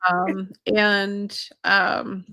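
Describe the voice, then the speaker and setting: A woman's voice: medium pitch, flat delivery, extremely slow, bright, forceful tone, dry recording. A woman co-hosting a spiritual podcast, chatting casually and rambling a little as she wraps up. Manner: chatty, rambling, self-deprecating. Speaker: podcast co-host. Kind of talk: casual chat.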